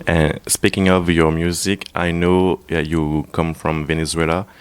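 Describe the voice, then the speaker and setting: Deep guy doing radio interview, smooth voice, short friendly questions. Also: flat delivery, a little slow. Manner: friendly, simple questions, brief acknowledgements.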